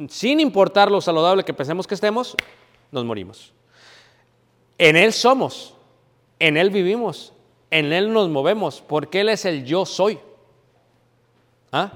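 Man preaching in an echoey hall. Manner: emphatic teaching, asks and answers his own questions; drops to a quiet, low voice when telling a personal story. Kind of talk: sermon. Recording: hall with long reverb.

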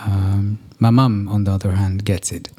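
Candid man a mellow, dark voice. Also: fairly low pitch, flat delivery, moderate pace. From India. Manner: candid and profane, self-deprecating, many fillers. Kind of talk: casual conversation.

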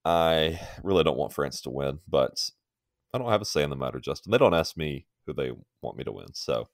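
A man's voice: a bass voice, lively intonation, fairly quick, gravelly, no echo, studio quality. A man co-hosting a sports podcast in a casual, opinionated way, often laughing. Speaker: podcast co-host.

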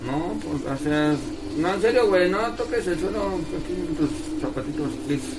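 Mexican dude clowning on his buddy, higher voice, heard from a distance, noisy background. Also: lively intonation, normal speed. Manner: teasing, crude slang, loud laughs. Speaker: streamer. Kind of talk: casual joking banter. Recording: distant mic with clear background noise.

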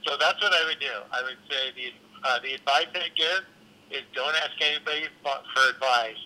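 A man answering a call heard over a phone on speakerphone, friendly and brisk because he is pressed for time. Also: mid-range voice, bright, forceful tone, low-quality recording. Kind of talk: casual phone conversation.

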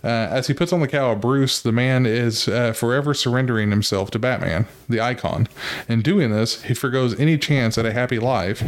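A man's voice: mid-range voice, normal speed. Casual male podcast host. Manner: reads from an article, laughs often, uses fillers. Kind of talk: casual chat reading a list.

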